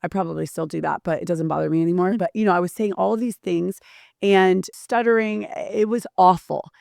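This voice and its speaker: Woman, interview host, gravelly low voice, animated storytelling, dry close sound. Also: brisk, no echo. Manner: animated storytelling with many restarts. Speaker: podcast host. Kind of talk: casual interview chat.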